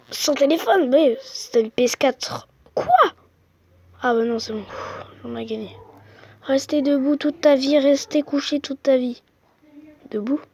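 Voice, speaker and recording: Young high-voiced gamer talking to viewers. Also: fairly even intonation, slow, long pauses, darkish tone. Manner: chatty, slangy, talks to viewers. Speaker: gamer playing a quiz app. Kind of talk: casual gaming commentary. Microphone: phone microphone.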